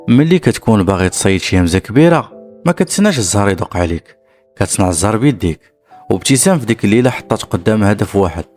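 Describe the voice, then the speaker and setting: A man's voice: on the low side, darkish tone. A man with a Moroccan accent narrating a dramatic story in a suspenseful way.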